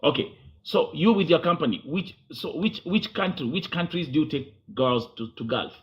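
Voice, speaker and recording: A man's voice: fairly high pitch, expressive, moderate pace, highs cut off. A man with a Kenyan accent interviewing a guest before a crowd, pressing hard and repeating himself when he wants the floor. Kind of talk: interview before a live audience.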